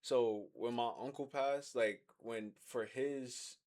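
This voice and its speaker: A man's voice: mid-range voice, fairly even intonation, slow pace, a little mellow. An American man co-hosting a movie discussion, reacting in a casual, slangy, conversational way. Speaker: co-host reacting to a film recap. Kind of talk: casual chat.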